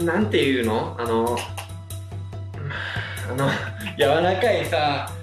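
A man's voice: a little high, expressive, slow, roomy sound, over music. A young man co-hosting a casual comedy game chat, hesitant and full of fillers as he searches for words, and teasing his partner. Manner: hesitant, lots of fillers when explaining, teasing. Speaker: podcast co-host.

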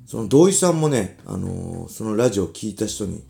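A man in his forties from Ibaraki, Japan, hosting a casual solo podcast in a relaxed, chatty way with lots of filler asides. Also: fairly low pitch, normal speed, creaky, soft background music. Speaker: podcast host, former pro fighter.

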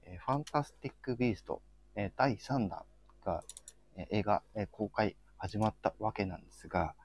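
Speaking fairly quickly, a man with a lowish, darkish voice and expressive delivery co-hosts a casual group chat livestream. He raises topics politely but hesitantly, filling pauses often.

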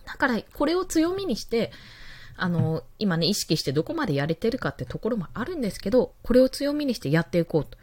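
A woman's voice: fairly high pitch, very animated, fast talker, darkish tone, no echo. A young woman hosting a casual live stream, chatty and laughing often, talking into a handheld mic. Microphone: handheld mic, moved around.

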